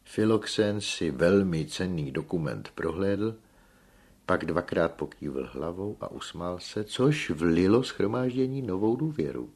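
A man with a low, deep voice narrates a storybook in a measured, expressive way. His pitch moves widely and lively through the sentences, giving the reading a vivid lilt. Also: husky. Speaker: audiobook narrator.

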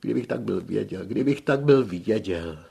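A man voicing a desperate, lovesick young peasant who pleads loudly and tearfully. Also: on the low side, expressive, creaky, slightly rough, heavily acted. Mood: desperate pleading.

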